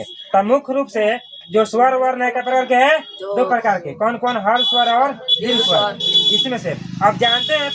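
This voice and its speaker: A man's voice: very high-pitched, a bit bright, slight background noise. A male teacher giving a classroom grammar lesson, asking questions and repeating the answers.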